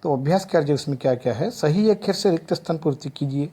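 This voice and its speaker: A man's voice: fairly high pitch, lively intonation, quick pace, mellow, husky. A middle-aged man lecturing teacher trainees, listing examples one word at a time with frequent restarts. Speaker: teacher educator. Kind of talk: classroom lecture.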